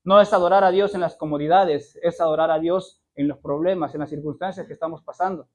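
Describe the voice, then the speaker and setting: A man's voice: a little high, fairly even intonation, a little fast, dull audio. A man preaching a sermon, pressing his point with repeated phrases and rhetorical questions, and correcting himself mid-sentence.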